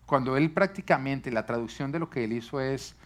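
A man with a medium-pitched voice preaches a sermon on parenting to a live congregation at a brisk pace. He teaches earnestly and poses rhetorical questions to his listeners.

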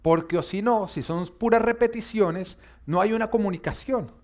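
A man's voice: high voice, normal speed, darkish tone. A man preaching a sermon, emphatic and often asking his listeners questions. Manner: emphatic, asks the congregation questions.

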